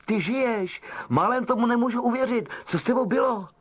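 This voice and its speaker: An eager, loyal teenage boy who bursts out in exclamations , voiced by a man reading the story. His voice is lifted noticeably above the reader's own and carries a husky edge. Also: very high-pitched, a bit bright, voice pushed up, full character voice. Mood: relieved excitement.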